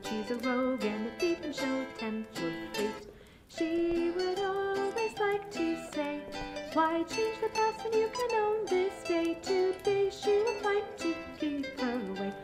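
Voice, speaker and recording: Plucked instrument music and a roomy echo surround a young woman voicing a traveling bard in a fantasy audio roleplay. She sings folk ballads unhurriedly in a very high, animated voice, playful and storytelling in tone.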